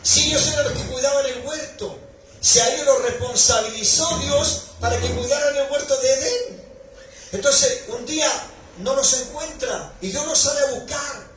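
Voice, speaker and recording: A male pastor preaching a sermon, building to shouted emphasis at key points. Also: extremely high pitch, normal speed, faint music behind. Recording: echoey hall recording from far off, faint noise.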